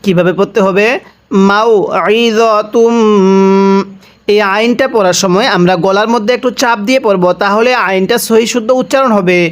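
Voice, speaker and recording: A man teaching Quran reading, reciting each phrase slowly and drawn out, then explaining the rules and asking how it should be read. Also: high voice. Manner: repeats words and asks "how do we read it?". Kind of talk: step-by-step Quran reading lesson.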